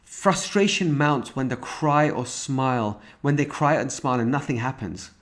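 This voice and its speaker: A man with a mid-range voice teaches a recorded parenting course at a moderate pace. He explains each point step by step, walking through examples and stages, and often restarts his sentences.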